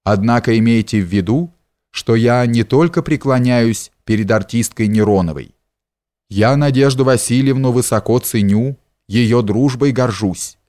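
A man reading the part of a worldly, talkative gentleman in an audiobook, with a smooth, familiar, teasing manner. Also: mid-range voice, moderate pace, dry recording, clean studio sound, lightly acted. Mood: pressing.

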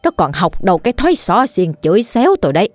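A woman voicing a spiteful old village mother-in-law who scolds and wails in a sour, shrill way. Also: big pitch swings, quick pace, dry recording, lightly acted. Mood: shrill scolding.

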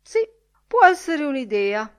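A woman's voice: high voice, very animated, a little slow, pitched above the performer's own voice. A woman reading an audiobook, voicing a wry, dry-witted older Dublin man.

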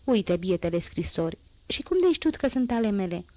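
A woman voicing a poor teenage girl with a hoarse, strained voice, chatty and boastful yet anxious, in a dry audiobook reading. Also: medium pitch, big pitch swings, warm tone, no echo, natural voice. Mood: eager.

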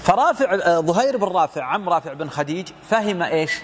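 A man's voice: high voice, expressive, quick pace, slight background noise. A man giving a lecture commentary on hadith as a religious teacher, explaining through rhetorical questions and retold dialogue.

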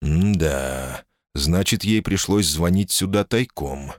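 A man's voice: low-pitched, slow, no echo. A man voicing a wry, guarded man with a dry, ironic way of talking. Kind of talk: audiobook character voice.

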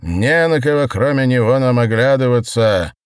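Man doing a hoarse, wheezing grotesque woman. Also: medium pitch, expressive, normal speed, no echo, clean studio sound, pitched above the performer's own voice, natural voice. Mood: exclaiming.

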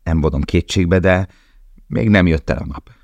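A desperate young male prisoner gives urgent, commanding instructions, as a man reading a novel plays him. The voice is very deep. The sound is close and dry. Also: gravelly, darkish tone, dry recording.

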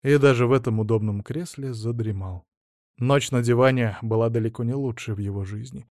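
A man reading an audiobook in a measured storytelling manner. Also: medium pitch, a little mellow, dry recording, clean studio sound. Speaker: audiobook narrator. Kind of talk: scripted narration.

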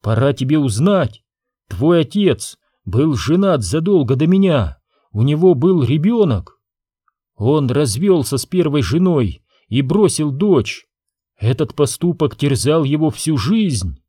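A man's voice: a little high, measured pace, husky, no echo, clean studio sound, full character voice. Man reading a frail, sorrowful queen. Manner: quiet, calm, pleading. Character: frail sick queen mother, calm and sorrowful.

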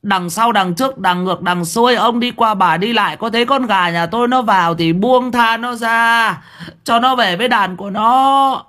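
A man voicing a shrill village wife who rains rhythmic, relentless curses on a chicken thief in an audiobook. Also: moderate pace, a bit bright, close to an everyday voice. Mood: cursing. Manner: rhythmic, relentless folk cursing. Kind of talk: audiobook character voice.

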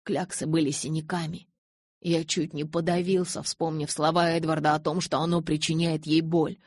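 A woman narrating an audiobook in the first person, measured and restrained. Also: low voice, level tone, darkish tone, dry recording.

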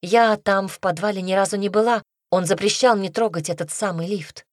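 A woman narrator voicing a quiet, matter-of-fact young woman in an audiobook, with a slightly higher voice. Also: brisk, no room sound, studio quality, lightly acted. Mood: explaining.

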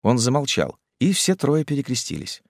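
A male audiobook narrator reading in an expressive storytelling manner. His mid-range voice rises and falls with plenty of life. The recording is close and dry. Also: mid-range voice, moderate pace, no room sound. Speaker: audiobook reader. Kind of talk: scripted narration.

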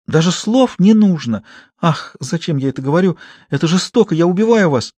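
A weepy, melodramatic young actress, voiced by a male audiobook reader, pouring out raised, loud lament in a higher, lifted register. She gushes and declaims as if on stage. The dry, close sound has no room around it. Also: animated, normal speed, dry recording. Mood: tearful theatrical. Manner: gushing, exclamatory, sobbing declamation. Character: melodramatic young actress wife, tearful and theatrical. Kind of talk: audiobook character voice.

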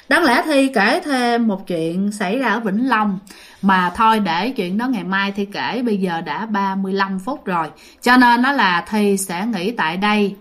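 A woman with a Southern Vietnamese accent casually telling a ghost story as host of her channel, rambling with fillers, her voice a little worn and sore. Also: mid-range voice. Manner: chatty, rambling, with many fillers.

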